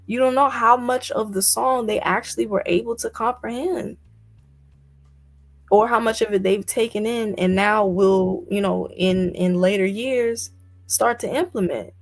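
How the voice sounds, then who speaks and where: In a casual podcast discussion, this co-host speaks in a mid-range voice with a steady tone and measured pace. She is emphatic, peppering the talk with incredulous rhetorical questions.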